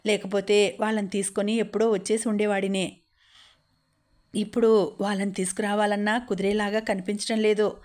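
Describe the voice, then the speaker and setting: A woman's voice: mid-range voice, a little mellow, natural voice. A woman reading the part of an affectionate, teasing man talking on the phone, in an audiobook. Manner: teasing, quick and fond. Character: man, playful affectionate husband-to-be.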